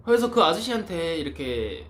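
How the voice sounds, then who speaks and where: A man tells a travel story to his viewers in a casual, chatty way. His voice sits a little high and swings widely as he acts out what people said. A faint hum of ambience sits behind him. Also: normal speed. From Korea. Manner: animated, acts out quoted lines. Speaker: travel vlogger.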